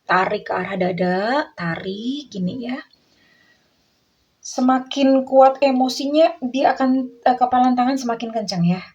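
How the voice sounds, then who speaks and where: A woman giving a tarot reading who calls herself Bunda and calls the listener darling, guiding a relaxation exercise in a soft, coaxing way that repeats words. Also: on the high side, a little slow, long pauses, muffled recording. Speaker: tarot reader.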